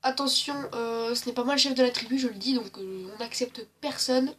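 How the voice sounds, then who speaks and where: A woman's voice: a little high, steady tone, a little fast, fairly bright tone, a little hiss or hum. A woman with a slightly sore throat giving chatty, joking gameplay commentary, full of hesitations. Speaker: gaming channel host.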